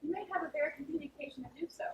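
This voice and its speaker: An actress playing a dutiful lady's maid in a live stage play, formal and hurried. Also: high-pitched, a little hiss or hum, close to an everyday voice. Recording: echoey stage from far off, faint ambience.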